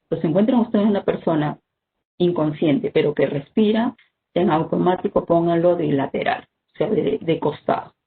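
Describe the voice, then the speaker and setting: A health instructor, giving an online first-aid training talk in a measured, explanatory way, often ending points with "¿no?". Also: medium pitch. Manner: measured, explanatory, frequent "¿no?" tags and "este" fillers. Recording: tinny phone-like video call audio with faint noise.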